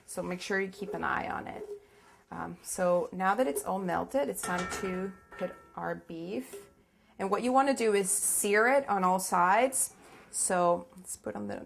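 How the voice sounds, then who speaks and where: Creaky-voiced woman with a Venezuelan accent. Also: medium pitch, slight background noise. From Caracas, Venezuela. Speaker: cooking demonstrator. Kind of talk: informal step-by-step cooking instruction. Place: small home kitchen, indoors.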